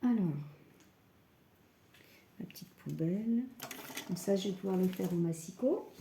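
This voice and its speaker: A woman calmly guiding a scrapbooking tutorial step by step, working standing up. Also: medium pitch, measured pace, vocal fry, slight background noise. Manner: calm step-by-step, often says "voilà". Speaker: scrapbooking crafter. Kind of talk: crafting tutorial.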